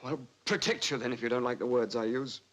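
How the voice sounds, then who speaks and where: A man's voice: mid-range voice, fairly even intonation, brisk, lightly acted. A man playing a flippant but nervous young son in a 1950s film drama. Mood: defensive, hesitant. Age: young adult. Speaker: actor. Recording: old film soundtrack, background noise.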